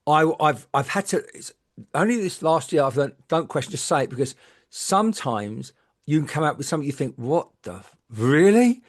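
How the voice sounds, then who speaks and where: A middle-aged woman, a medium, telling candid stories in lively chat, swearing freely and acting out the people she quotes. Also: sits low, a little fast. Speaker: guest medium.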